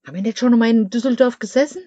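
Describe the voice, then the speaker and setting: A woman's voice: on the high side, racing, warm tone, no echo. A middle-aged woman in casual bickering chat with her partner, answering with dry, sulky retorts. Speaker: vlog co-host, partner. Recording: dull muffled dry sound.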